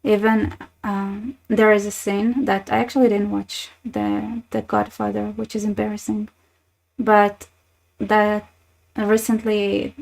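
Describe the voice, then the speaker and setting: Flat-toned woman commentator. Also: medium pitch, slow pace, vocal fry, rough recording. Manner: chatty, wry, many restarts and fillers. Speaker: channel host. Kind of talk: casual commentary reading posts.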